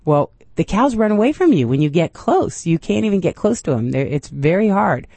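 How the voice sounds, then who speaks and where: A woman's voice: on the low side, big pitch swings, a little fast, vocal fry, mellow, husky, no echo. A woman radio reporter reading news in a chatty way, with casual asides.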